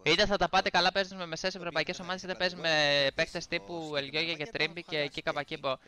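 A young man, chatting rowdily on his stream and telling stories with lots of swearing. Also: on the high side. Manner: rowdy, swearing, animated storytelling. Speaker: streamer reacting to his team's match. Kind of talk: casual stream chat.

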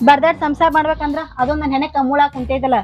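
An actress playing a defiant, sharp-tongued young stepmother with a North Karnataka accent. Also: high voice, fairly even intonation, very fast, natural voice. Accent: North Karnataka Kannada.

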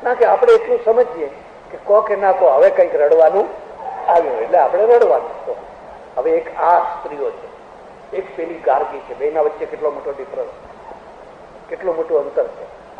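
A man's voice: on the high side, moderate pace. Guy giving a spiritual talk, tells stories and fires off questions, kinda tinny lo-fi recording with faint hiss. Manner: storytelling, rhetorical questions, mimics voices. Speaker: religious teacher. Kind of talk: spiritual discourse with anecdotes. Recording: echoey hall, tinny phone-like sound, faint hiss.

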